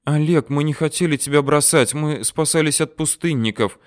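A man's voice: on the high side, moderate pace, voice pushed up, natural voice. Man doing a tearful frightened young woman. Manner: sobbing, pleading.

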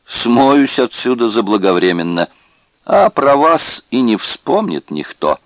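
A man's voice: mid-range voice, big pitch swings, slow, no room sound, pitched above the performer's own voice. A man voicing a cruel, tipsy male camp guard who taunts in a mock-friendly way. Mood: gloating.

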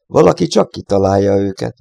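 A man's voice: lowish voice, very animated, gravelly, mellow, dry recording, clean studio sound, exaggerated voice. A man voicing a stubborn, matter-of-fact male reasoner in a storybook reading. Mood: insistent.

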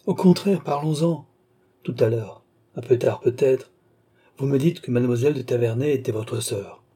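A man's voice: medium pitch, normal speed, warm tone, slightly rough, close to an everyday voice. A man reading an audiobook, voicing a young nobleman who pleads in impassioned, anguished outbursts.

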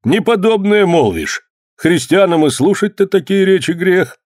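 A man's voice: sits high, lively intonation, moderate pace, no room sound, studio quality, pitched above the performer's own voice. A man voicing a stern male priest who scolds and admonishes.

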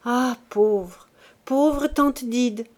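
A woman's voice: a little high, drawn-out words, darkish tone, pitched above the performer's own voice. A woman voicing a haunted, furious old madwoman who cries out and raves in a singsong. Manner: wild cries and singsong ravings.

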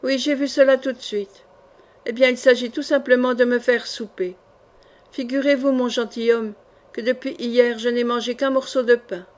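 A woman's voice: fairly high pitch, steady tone, moderate pace, lightly acted. A woman reading an audiobook, voicing a pale, frightened young woman who pleads in a trembling voice. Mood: pleading.

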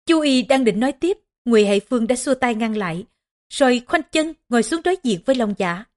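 A woman's voice: fairly high pitch, lively intonation, a little fast, a little mellow. A woman narrating a historical novel as an audiobook, reading every character's lines herself.

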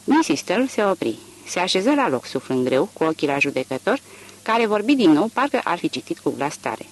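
A man narrates a literary novel as an audiobook. His voice sits somewhat high and moves with lively swings of pitch. The reading is expressive and varied.

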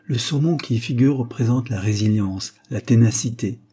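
A man's voice: medium pitch, normal speed, mellow, slightly rough, natural voice. A man voicing a stern, proud aristocratic father, an aging marquis, in an audiobook, solemn and insistent.

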